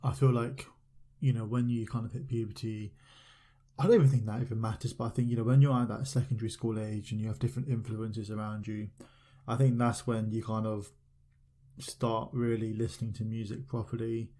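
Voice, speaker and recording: A man's voice: on the low side, level tone, a little fast, dark tone. A young man hosting a podcast, rambling casually with lots of fillers as he talks. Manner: rambling, filler-heavy, loose storytelling. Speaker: podcast host. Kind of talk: casual solo podcast chat.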